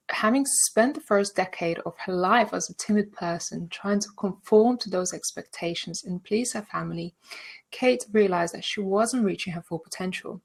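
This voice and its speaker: A woman hosting an online business workshop, reading out a guest's introduction in an upbeat, friendly way. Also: mid-range voice. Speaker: workshop host.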